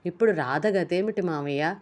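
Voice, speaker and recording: A woman's voice: fairly low pitch, moderate pace, darkish tone, natural voice. A woman voicing a fretful young husband who panics over his missing wife in a storybook reading. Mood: panicked. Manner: anxious, whining.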